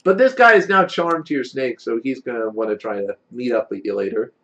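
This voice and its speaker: A man narrating a casual tabletop game as game master, expressive and conversational. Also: medium pitch, fairly quick, lo-fi sound.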